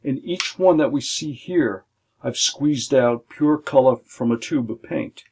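Man, middle-aged, art instructor, gravelly voice, mid pitch, calm methodical listing. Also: unhurried, slight background noise. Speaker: watercolor painting instructor. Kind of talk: instructional demonstration. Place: home art studio, indoors.

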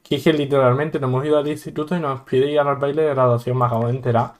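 A man's voice: medium pitch, steady tone, rapid-fire. A man from Spain with a Spanish accent gives joking, exclamatory let's-play commentary on a game and laughs often. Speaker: gaming YouTuber.

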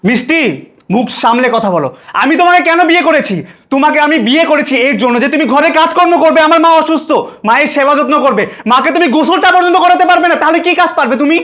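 A man's voice: high voice, animated, fast talker, fairly bright tone. A man playing a stern scolding husband. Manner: commanding, scolding. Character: stern young husband, fed up with his wife. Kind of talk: short-film drama acting.

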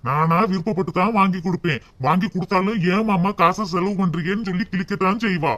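Young cartoon husband, cheerful and chatty, southern Tamil accent, fairly high pitch. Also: male voice, quick pace, a bit bright, highs cut off. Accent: southern Tamil, Tirunelveli. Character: fond young husband, easygoing.

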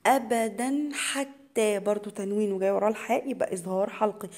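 A woman with an Egyptian accent teaching tajweed to beginners. She explains each rule in quick colloquial speech, then recites the words slowly and drawn out. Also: medium pitch, flat delivery, mellow. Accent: Egyptian Arabic.

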